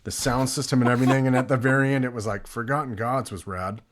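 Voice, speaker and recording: A man's voice: mid-range voice, fairly even intonation, fast, a little hiss or hum. A man with a Californian accent, a guest musician chatting casually on a podcast and laughing often. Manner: laid-back, laughs often.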